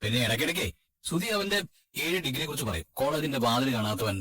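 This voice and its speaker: A man's voice: mid-range voice, big pitch swings, fast, pushed and bright, husky, full character voice. A man voicing a tough, protective young man who talks bluntly and scolds, in a fan-dubbed drama. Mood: wistful.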